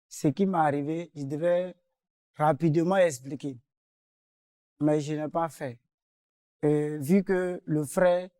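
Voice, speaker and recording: A man's voice: on the high side, darkish tone, dry recording, clean studio sound. A man explaining himself hesitantly and apologizing for a debt he has not repaid. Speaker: carpenter in a dispute. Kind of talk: defending himself on a mediation show.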